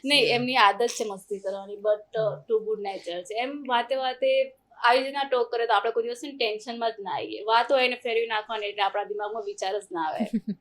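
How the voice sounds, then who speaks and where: A young adult woman, a podcast guest, telling her story in a casual and animated way and acting out the dialogue she quotes. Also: fairly high pitch, fairly quick.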